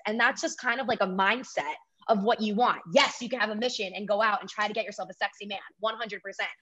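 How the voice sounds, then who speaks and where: A woman's voice: medium pitch, fast, slightly rough. A woman in her thirties, a podcast guest and author, telling stories in casual chat and saying "like" a lot. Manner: animated storytelling, heavy use of "like". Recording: slightly dull, lo-fi sound.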